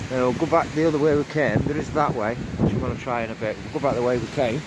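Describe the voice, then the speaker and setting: A man with a mid-range voice talks fast and fairly evenly, thinking aloud as an exploring vlogger in a casual, hesitant running commentary. He walks outdoors among derelict buildings in winter woodland, holding his phone, whose mic picks up wind and outdoor noise.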